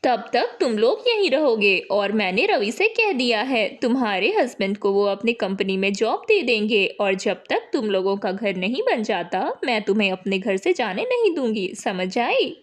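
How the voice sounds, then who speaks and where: A woman's voice: fairly high pitch, sing-song, normal speed, hardly any pauses, voice pushed down. A woman voicing a kind, caring young woman from a rich family in a cartoon, firm and generous.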